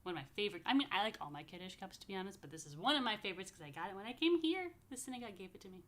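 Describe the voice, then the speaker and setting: Speaking in a mid-range, fairly bright voice that is very animated and racing, a woman rabbi hosts an informal story session for little kids at an apartment. Her explanations are simple and repeated, sprinkled with playful, chatty remarks, and she works blessings into this easygoing religious talk for children.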